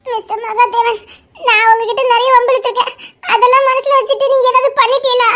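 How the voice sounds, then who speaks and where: A woman's voice: very high voice, level tone, a little fast, a bit bright. Woman voicing a tearful, frightened young woman. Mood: desperate. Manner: tearful, shaky, laughing through sobs. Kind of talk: Tamil serial-style audio drama.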